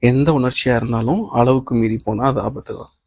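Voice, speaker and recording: A man's voice: medium pitch, quick pace, husky. A man reading a kind, encouraging boss. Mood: reassuring. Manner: calm, reassuring talk mixing English phrases. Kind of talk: audiobook reading of a novel.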